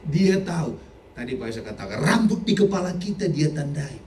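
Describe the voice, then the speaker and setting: A middle-aged man preaching a sermon as a pastor, animated, sometimes shouting and often laughing. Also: fairly high pitch, moderate pace, a little hiss or hum. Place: church hall. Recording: echoey church hall, mic from a distance.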